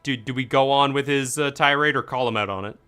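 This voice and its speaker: A man's voice: mid-range voice, fast talker, sharp tone, clear, resonant tone, faint music behind. A man casually playing through a video game with a friend, reading narration and chatting. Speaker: game streamer.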